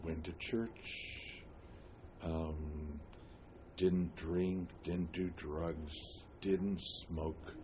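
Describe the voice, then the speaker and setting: Elderly man, American accent, halting reminiscing, slow delivery, oral history interview, noticeable background noise. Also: deep voice, fairly even intonation, a little mellow. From New Jersey, United States. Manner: halting, with long pauses and frequent hesitations. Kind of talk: reminiscing, telling life story.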